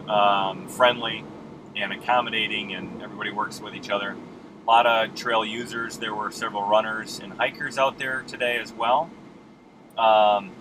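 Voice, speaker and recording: A mountain bike vlogger talks to camera from a moving car, with the camera mounted on the dashboard. He's relaxed and rambling in a mid-range voice, full of ums and restarts, while road, engine and air-conditioning noise fill the cabin.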